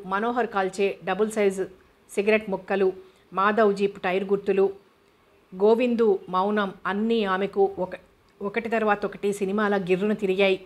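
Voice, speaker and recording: A woman reads a novel aloud in an even, steady manner. Her pitch stays flat and level, sitting in the middle of a woman's range. The delivery is calm audiobook narration. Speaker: novel reader.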